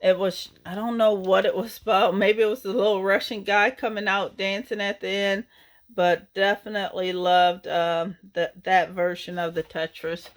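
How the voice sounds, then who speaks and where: A woman's voice: mid-range voice, little pitch movement, normal speed. A middle-aged woman rambling nostalgically about her game collection in a casual chat, with lots of ums and uhs. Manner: rambling, nostalgic, many fillers.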